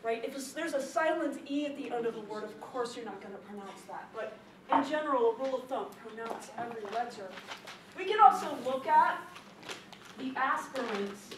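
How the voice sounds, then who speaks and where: A woman's fairly high voice gives a classroom speech lesson, emphatic and lively, often driving a point home by repeating it. She is heard from a distance in an echoey room, with steady noise underneath. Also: brisk. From not from the Chicago area. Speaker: teacher.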